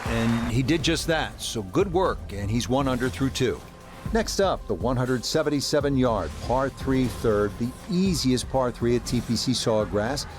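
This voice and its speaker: A man working as a composed golf commentator, calling play in short, measured observations for a video game broadcast. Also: mid-range voice, expressive, lightly acted. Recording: music and crowd behind. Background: music, crowd.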